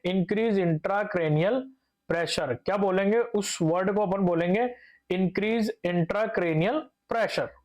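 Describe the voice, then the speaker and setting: A man's voice: high voice, darkish tone. A young man teaching a nursing class, asking his own questions and answering them, repeating key terms and mixing in English medical words. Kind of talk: classroom lecture.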